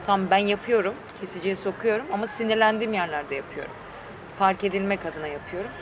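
A woman's voice: mid-range voice, fast. A woman chatting casually as an interview guest, giving her opinions frankly. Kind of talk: casual outdoor chat interview. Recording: clear outdoor traffic and vehicle noise. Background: urban outdoor ambience with vehicles.

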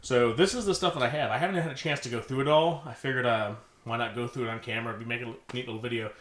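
A man's voice: mid-range voice, rapid-fire, a bit bright. Rambling man chatting over old toys. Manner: rambling, self-deprecating, lots of ums. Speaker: toy collector vlogger. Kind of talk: casual unboxing chat. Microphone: handheld camera, then on a tripod. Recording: faint background noise.

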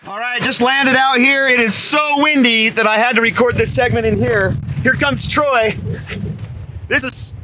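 A man's voice: extremely high pitch, unhurried. Freezing man on a windy phone video. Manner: excitable, exclaiming and laughing often. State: shivering from the cold. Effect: handheld phone video recorded outdoors. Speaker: vlog host and pilot. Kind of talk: excited outdoor vlog narration. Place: outdoors on an open beach in high wind. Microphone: phone camera mic held in hand. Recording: windy outdoor phone recording. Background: strong wind noise.

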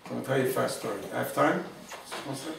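A man giving an informal Torah class, telling a story warmly and mixing in Hebrew and Yiddish words. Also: medium pitch, quick pace, vocal fry, far from the mic, background noise. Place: room in Jerusalem. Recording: echoey room, speaker away from the mic.

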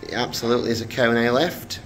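A man filming in a small hotel lift on a handheld phone, gently and patiently explaining things to a child. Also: medium pitch, brisk. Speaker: vlogger filming lifts. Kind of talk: casual commentary to a child. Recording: steady background noise.

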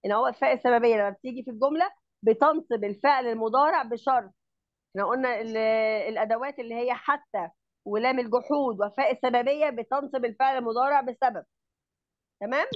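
A woman's voice: on the high side, fast talker, no room sound, highs cut off. A woman with an Egyptian Arabic accent teaching grammar in an online lesson, explaining step by step and often checking that her student understands.

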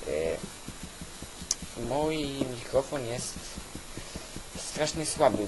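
Man with hissy, noisy mic. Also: medium pitch. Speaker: gaming video host. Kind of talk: casual gameplay commentary. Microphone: old cheap weak microphone. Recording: constant hiss from weak microphone.

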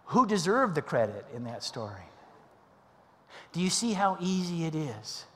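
A middle-aged male pastor preaching a sermon, telling a story in a lively way and acting out the dialogue. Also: on the high side, unhurried. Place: church sanctuary. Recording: long church hall reverb.

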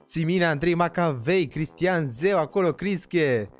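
A man's voice: a little high, soft background music. A young man hosting a casual livestream, energetically greeting viewers by name. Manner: energetic, rattles off viewer names; says he talks more quietly than usual. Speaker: livestream host.

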